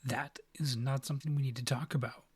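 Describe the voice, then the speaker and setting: In this romantic ASMR roleplay, the man portraying a proud and guarded vampire king keeps a steady tone at medium pitch. He sounds breathy, frequently almost whispering, with halting, formal, courtly phrasing and a stiff, defensive mood.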